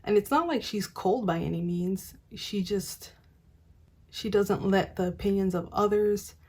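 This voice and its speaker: A woman's voice: mid-range voice, a little slow, warm tone, breathy edge. A woman giving a casual, encouraging tarot reading to camera, chatty with many fillers. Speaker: tarot reader.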